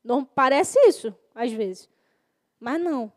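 Female youth preacher, high voice, casual delivery, repeats lines for emphasis. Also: expressive, a little slow. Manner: repeats key phrases, acts out quoted inner voices. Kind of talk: informal youth sermon.

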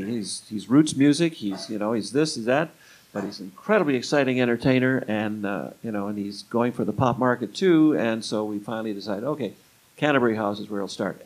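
A man's voice: medium pitch, poor audio. An older man being interviewed, telling stories in a rambling, conversational way and slipping into quoted dialogue. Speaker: interview guest, retired music club booker. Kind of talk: anecdotal storytelling in an interview.

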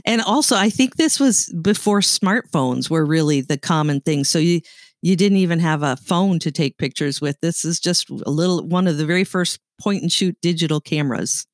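A middle-aged woman from Canada, with a light Canadian accent and an expressive, low voice at normal speed, co-hosts a podcast. Her casual chat is full of stories and frequent laughter, captured at studio quality without echo.

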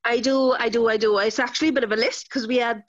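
A woman's voice: a little high, fairly even intonation, fast talker, dry recording. A woman co-hosting a podcast, reading out results in a sing-song rhythm in casual chat. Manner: lists scores in a sing-song caller rhythm. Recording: dry, slightly muffled podcast audio.

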